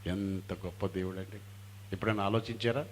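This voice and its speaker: A man preaching a sermon, calling for hallelujahs and mixing in English phrases, swinging from loud to hushed. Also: low-pitched, fairly even intonation, fairly quick, slight background noise. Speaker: pastor. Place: function hall.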